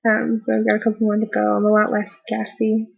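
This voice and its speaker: Casting: woman vlogger, worn out post-surgery, flat and croaky, halting casual update, slightly dull home-recorded sound. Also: mid-range voice. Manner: halting, trailing off mid-thought. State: tired and sore after recent surgery. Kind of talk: casual rambling video diary.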